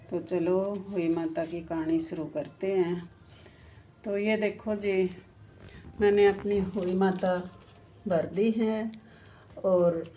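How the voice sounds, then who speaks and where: Slow, mellow woman telling a vrat story. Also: fairly low pitch, slight background noise. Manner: unhurried, homely, self-correcting. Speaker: devotional storyteller. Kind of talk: homely devotional story-telling.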